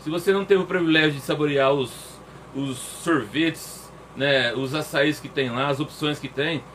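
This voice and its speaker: A man's voice: on the high side, moderate pace, fairly bright tone, slight background noise. A man co-hosting a casual show, joking and reading sponsor plugs. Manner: playful, laughing banter. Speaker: co-host.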